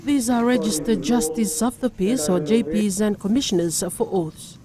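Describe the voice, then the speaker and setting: A woman's voice: mid-range voice, moderate pace, a loud crowd. A woman narrating a scripted news report.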